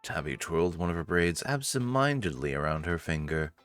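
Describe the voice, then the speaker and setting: A man with a low, smooth, slightly bright voice hosts a let's-play, reading the story narration theatrically at a fairly quick, sing-song pace. He drops in casual, amused asides while faint game music plays behind him.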